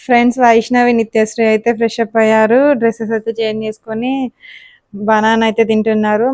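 Mother and vlog host: rapid, chatty, soothing with her kid, slightly high voice. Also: a little mellow, no room sound. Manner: chatty, leans heavily on filler words; coaxing and soothing with her child. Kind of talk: casual family vlog chat. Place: home, indoors.

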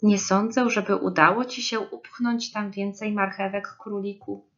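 A woman voicing a generous but huffy squirrel in a storybook reading, speaking loudly. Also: medium pitch, fairly even intonation, measured pace, lo-fi sound. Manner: loud, huffy.

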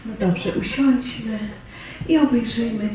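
A woman playing a moody, hysterical young wife who imagines she is pregnant, swinging between shrill nagging and soft sulking in a live stage sketch. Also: steady tone, slow, noisy background. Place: stage in a hall before an audience. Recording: echoey hall, mic far off, audience laughter.

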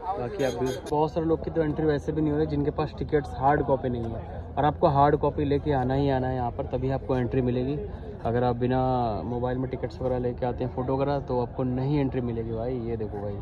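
A young man with a Lucknow Hindi accent, talking excitedly to viewers as he walks around with a handheld camera. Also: medium pitch, fast, narrow, tinny audio. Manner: excited, chatty, calls viewers bhai. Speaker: vlogger. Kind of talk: walking vlog, handheld. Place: outdoors by a stadium and in a crowded ticket hall. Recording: handheld camera amid loud crowd. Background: crowd and traffic noise.

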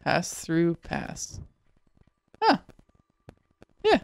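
A young man co-hosting a casual let's-play, joking around and getting excited, with bursts of laughter and yelling. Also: on the high side, drawn-out words, gravelly, dry recording. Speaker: co-host, video game player.

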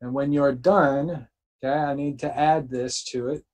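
Man at a mid pitch guiding a spiritual group, checks in with "okay?" between forceful chanted lines. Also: steady tone, a little slow, poor audio. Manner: repeats "okay?" constantly, chants incantations with emphasis. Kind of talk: instructional spiritual talk.

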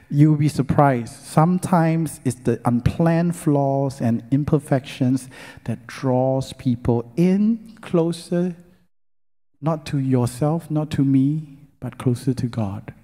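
A middle-aged man with a warm, mid-range voice delivers a slow, sermon-style talk at a church lecture concert. He leads the audience in call-and-response and draws out key words with earnest emphasis. The large worship hall gives the recording a long reverb.

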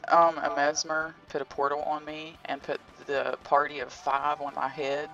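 A man gaming with friends who swears casually and gives quick tactical calls. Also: fairly high pitch, level tone, creaky, bright, forceful tone, dull audio, faint music behind. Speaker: teammate in a gaming stream.

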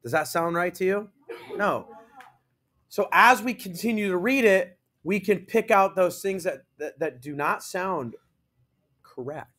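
A man's voice: high voice, sharp tone. Man teaching a classroom grammar lesson. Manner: reads sentences aloud slowly, checks with students often.

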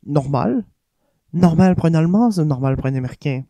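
A man voicing a calm, confiding middle-aged politician who schemes. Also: fairly high pitch, fairly quick, gravelly, no echo, pitched above the performer's own voice.

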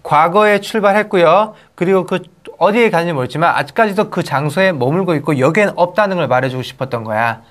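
A man teaching English grammar in an online lecture, firing rhetorical questions at his students, stressing key points in bursts and reading English example sentences slowly and carefully. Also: fairly high pitch.

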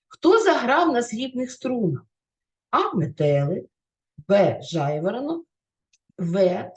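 A Ukrainian woman teacher reading a story aloud with clear, careful stress, then explaining the lesson to children. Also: medium pitch.

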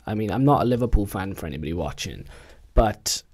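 A young man, chatting casually about football as a podcast co-host, animated and slangy. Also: lowish voice, fast talker.

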